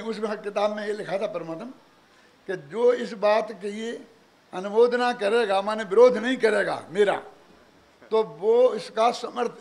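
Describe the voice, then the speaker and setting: An older man giving a religious discourse, animated, full of rhetorical questions and chuckling asides. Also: high voice, creaky. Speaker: preacher.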